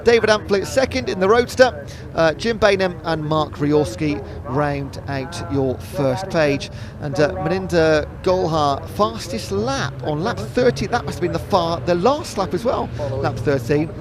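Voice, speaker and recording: A man's voice: a little high, lively intonation, unhurried. A man commentating at a race circuit and reading out race results, now and then correcting himself. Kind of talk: motorsport commentary. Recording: crowd noise behind.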